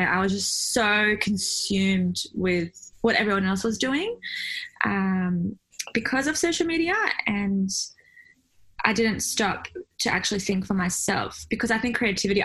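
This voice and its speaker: A woman from Iraq, speaking as a photographer guest at a medium pitch. She talks through her answers in a chatty, reflective way, full of fillers and quick laughs. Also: a bit bright, slightly rough, rough recording. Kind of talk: casual interview chat.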